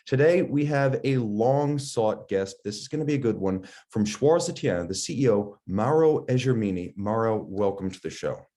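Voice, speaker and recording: A man hosting a podcast, who introduces his guest and asks questions in smooth, prepared remarks. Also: on the low side, lively intonation, normal speed, few pauses, mellow. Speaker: podcast host.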